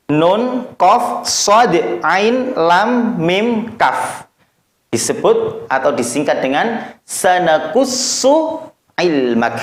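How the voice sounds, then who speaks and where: A man teaching a recorded Quran reading lesson, explaining slowly and drawing out the letters in long chanted examples. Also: a little high, echoey room.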